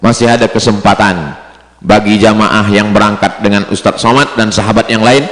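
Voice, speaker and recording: A male preacher giving a sermon to pilgrims, rising into high chanted Arabic phrases and dropping low and quiet. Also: fairly even intonation, normal speed. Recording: echoey hall sound.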